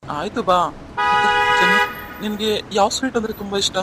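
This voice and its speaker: A man's voice: high-pitched, fairly even intonation, normal speed, loud music behind the voice, lightly acted. A man voicing a remorseful young husband in a cartoon story, coaxing and pleading with his wife. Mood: teasing.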